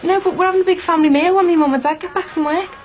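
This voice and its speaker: A woman's voice: very high voice, fairly even intonation, very fast, a little mellow. A young woman playing an eager, pleading birthday girl in a soap drama, with a plaintive manner. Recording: clearly noisy ambience.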